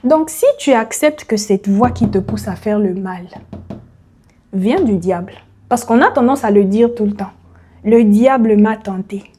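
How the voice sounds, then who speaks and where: Woman preaching, lots of rhetorical questions, talks right to you, warm mellow voice. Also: mid-range voice, lively intonation, a little slow, slightly rough. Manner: rhetorical questions, addresses listener directly. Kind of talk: motivational sermon.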